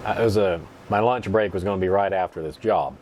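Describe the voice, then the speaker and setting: A man chatting casually and telling stories in an unhurried, rambling, folksy way, at times with a pipe in his mouth. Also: sits low, darkish tone, a little hiss or hum. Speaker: pipe-smoking vlogger. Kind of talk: casual storytelling chat.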